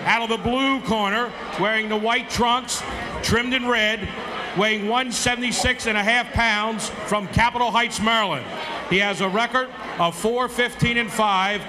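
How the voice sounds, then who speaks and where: A man working as ring announcer, booming formal introductions out through arena loudspeakers with drawn-out names. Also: steady tone. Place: boxing ballroom arena. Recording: noisy arena crowd.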